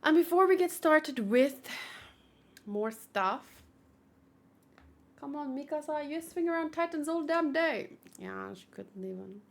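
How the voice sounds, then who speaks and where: She's a young streamer chatting loosely through a game reaction, sprinkling in playful exclamations. The voice is high-pitched and animated with vocal fry, moving at a measured pace and pausing often.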